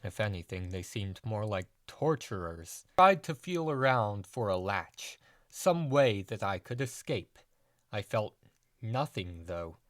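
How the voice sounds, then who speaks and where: Low voiced guy reading a grim story, calm and deadpan, dry close mic. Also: measured pace, no echo. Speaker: narrator. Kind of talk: dramatic audio story narration.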